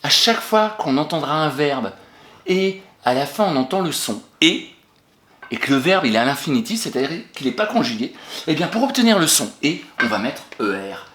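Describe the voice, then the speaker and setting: A man's voice: on the high side, sing-song, moderate pace, fairly bright tone, a little hiss or hum. Echoey encouraging French schoolteacher man. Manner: encouraging, patient, questions and praises pupils. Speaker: primary school teacher. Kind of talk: remote spelling lesson for young children.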